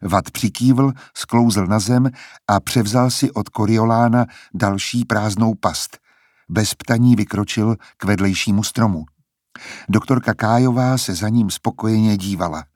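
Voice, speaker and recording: A man reading a novel aloud as an audiobook narrator, in measured storytelling. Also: fairly low pitch, darkish tone, dry recording, studio quality. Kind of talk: scripted narration.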